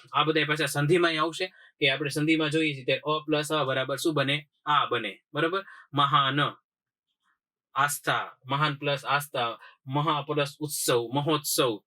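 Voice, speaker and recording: A man's voice: a little high, bright, forceful tone. A man teaching an exam-prep grammar lesson, asking questions and answering them himself and often checking that students follow. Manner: drills with repeated questions and answers; keeps checking understanding.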